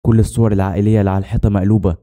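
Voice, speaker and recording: A man narrating a horror story in the first person, in a rapid, tense scripted telling. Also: on the low side, level tone, dark tone.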